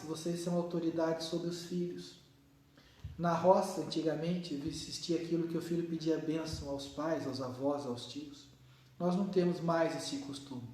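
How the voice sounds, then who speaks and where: A middle-aged man with a Brazilian Portuguese accent preaches earnestly in simple words, pausing between phrases. His voice sits slightly high. It reaches the mic from a distance through a heavily reverberant church hall. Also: darkish tone. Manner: earnest, plain-spoken preaching with pauses. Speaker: pastor. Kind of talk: sermon. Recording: very echoey, from a distance.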